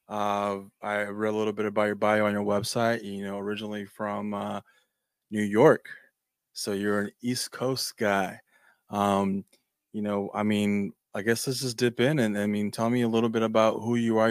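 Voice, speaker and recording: A man hosting a podcast, from Mexico, talking in a halting, casual way with many restarts. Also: fairly low pitch, fairly bright tone, clear, resonant tone, no room sound, clean studio sound. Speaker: podcast host. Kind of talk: casual interview talk.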